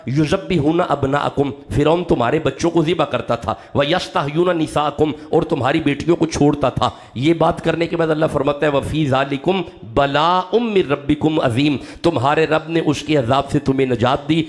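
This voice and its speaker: A man preaching a sermon to a live audience, emphatic and repeating his key words. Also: fairly high pitch. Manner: emphatic, repeats key words, rises when urging the crowd. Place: gathering before a live audience.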